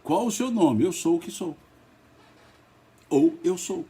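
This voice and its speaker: Slow, husky Brazilian man teaching. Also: sits high, animated, warm tone. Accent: Brazilian Portuguese. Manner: slow and emphatic, spells out letters, repeats words. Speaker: spiritist study leader. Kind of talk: religious study talk.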